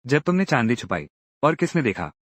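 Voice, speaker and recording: Male recap narrator, mid-pitched and very lively, dry close sound, acts out all the parts. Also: brisk, dry recording. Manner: lively, acts out each character's lines in turn. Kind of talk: dramatic Hindi recap narration voicing every character.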